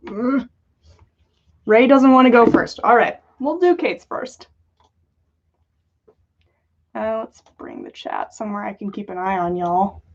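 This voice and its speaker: Hosting her livestream, this podcast host jokes around and chats playfully with her viewers in a medium-pitched, creaky voice. Her pitch swings hugely, she takes her time, and she leaves long pauses. The dull, lo-fi stream audio carries it all.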